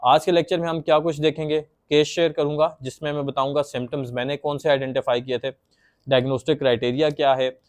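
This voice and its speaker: A man's voice: on the high side, a little mellow. A man giving a patient, plain explanatory lecture on psychology, acting out stuttering examples as he goes.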